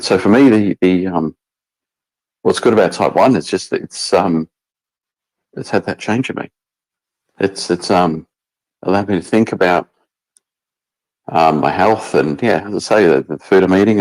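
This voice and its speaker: A man's voice: low-pitched, darkish tone, poor audio. A middle-aged man from England, a guest chatting casually on a video call, rambling with many restarts and fillers. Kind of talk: casual chat.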